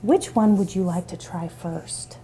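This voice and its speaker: A woman tutoring a young child in reading one-on-one, gentle and encouraging. She praises often and drops her voice to a soft near-whisper. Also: fairly low pitch, measured pace, slight background noise.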